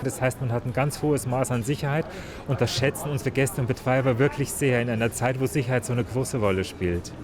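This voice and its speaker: A man speaking as a city official in an interview, explaining rules in a measured way, recorded outdoors in a town. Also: medium pitch, steady tone, over music. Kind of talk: interview statement.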